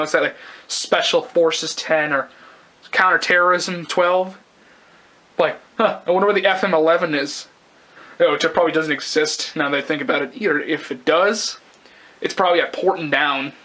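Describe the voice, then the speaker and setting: A young man giving a casual, unscripted review as a collector, rambling and halting, with casual swearing. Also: a little high, bright, forceful tone. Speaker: gas mask collector and reviewer. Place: indoors, close-up tabletop video.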